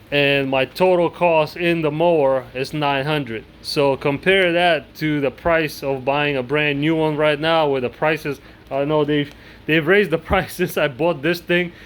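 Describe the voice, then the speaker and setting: A chatty man talks on camera from his messy indoor workshop, circling back over numbers with plenty of uhs and restarts. His voice sits a little high for a man and comes through smooth and resonant. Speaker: mower repair vlogger. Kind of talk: casual workshop vlog. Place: cluttered indoor shop.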